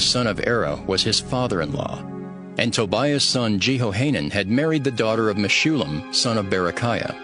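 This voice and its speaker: A steadfast, devout governor of ancient Jerusalem narrates his own story in the first person, in a low, earnest male voice. It's a dramatized, scripted narration.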